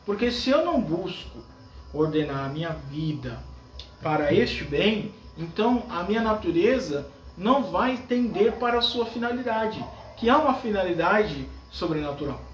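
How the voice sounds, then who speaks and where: A man's voice: high voice, expressive, moderate pace. A man with a Brazilian accent, a priest preaching a sermon, explaining his points and often asking his listeners questions. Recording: echoey, from far off, faint background noise.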